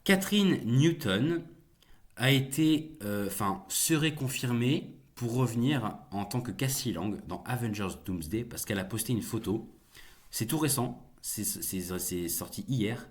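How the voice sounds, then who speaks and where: A man's voice: medium pitch, lively intonation, measured pace. A young man hosting a casual solo video, chatty and jokey with viewers, rambling with many fillers and restarts. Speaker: YouTube host reacting to film news.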